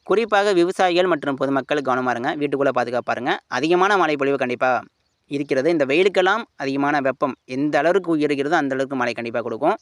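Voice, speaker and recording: Fairly high dry-voiced forecaster man. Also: fast, dry recording. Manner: colloquial Tamil, repeats "you see" tag often. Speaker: weather forecaster. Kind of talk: unscripted weather forecast talk.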